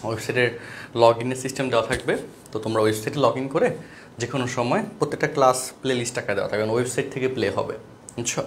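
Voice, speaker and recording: A young male tutor with a Bangladeshi accent runs an online math class at a rapid clip. He talks in a chatty, rambling way and keeps checking that his students follow. A faint hiss sits under his voice. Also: mid-range voice. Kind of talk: casual online class talk.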